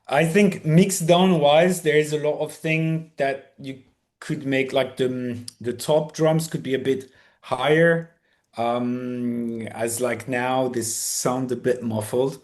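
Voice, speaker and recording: A man's voice: medium pitch, steady tone, slow pace, darkish tone. Host DJ, male, casual and hesitant, fillers everywhere, video-call sound. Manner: hesitant, many fillers and restarts. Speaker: DJ giving track feedback. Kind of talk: casual live feedback chat.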